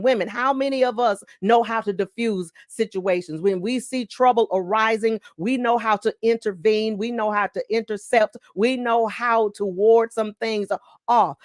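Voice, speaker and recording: A woman host giving an inspirational devotional talk in a fast, exhorting, preachy manner. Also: mid-range voice, no echo, studio quality.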